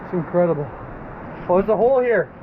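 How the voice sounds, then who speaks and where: A man with a high voice films a casual adventure vlog outdoors. He swears freely and exclaims as he talks. Loud rushing water runs heavily behind his voice. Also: lively intonation, narrow, tinny audio, noisy background. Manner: profane, exclamatory. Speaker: vlogger. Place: outdoors at a rocky river and cave.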